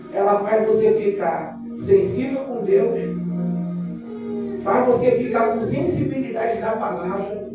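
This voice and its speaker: A woman's voice: medium pitch, distant mic. A woman from Rio de Janeiro with a Carioca accent leads a church service, preaching and praying fervently, chanting some phrases and asking the congregation for amens. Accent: Carioca Brazilian Portuguese. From Rio de Janeiro, Brazil. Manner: fervent, often chanting phrases, prompting "amen?" replies. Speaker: church leader closing a service. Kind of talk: sermon and closing prayer. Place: small church hall. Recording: echoey church sound heard from afar with music. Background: instrumental music.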